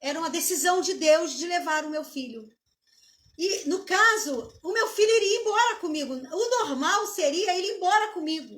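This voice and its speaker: A middle-aged woman with a Brazilian Portuguese accent shares a personal testimony on a live stream. Her voice sits very high, and she talks in an emotional, halting way, restarting her sentences and adding tag questions. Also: lively intonation, a bit bright. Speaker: pastor.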